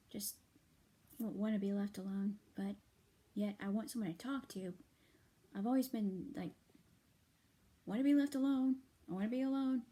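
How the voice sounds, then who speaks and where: Late at night, a tired young vlogger vents to her viewers, speaking softly and haltingly, often in a half-whisper, with lots of fillers. Her mid-range voice is slightly hoarse.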